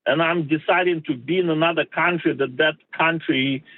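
A man's voice: on the high side, steady tone, normal speed, dry recording. Ukrainian-born male caller on phone line. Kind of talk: phone-in call.

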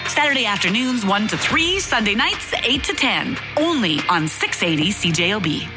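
Lively woman reading a radio promo. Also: mid-range voice, moderate pace. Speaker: promo announcer. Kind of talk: radio station promo read. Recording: over music bed.

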